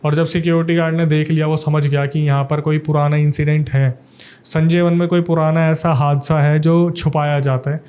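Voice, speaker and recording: A man's voice: a little high, flat delivery, normal speed, darkish tone, clean tone. A young man from Delhi, a paranormal investigator, telling a suspenseful ghost story in a casual podcast interview.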